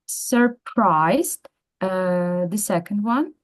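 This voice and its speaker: A woman's voice: mid-range voice, animated, extremely slow. A woman with a Ukrainian accent answering a teacher's questions, tentative and hesitant. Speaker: student volunteer.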